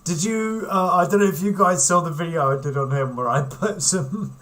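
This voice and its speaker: A man's voice: on the high side, moderate pace, a bit bright. A man hosting a casual livestream, rambling and giggling as he chats with viewers. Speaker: livestream host.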